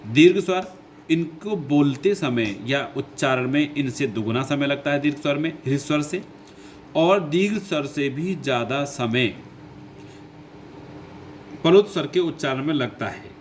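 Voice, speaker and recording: A man teaching a grammar lesson who goes slowly, repeats his points and asks his own questions before answering them. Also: on the high side, expressive, slight background noise. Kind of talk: classroom lesson explaining grammar.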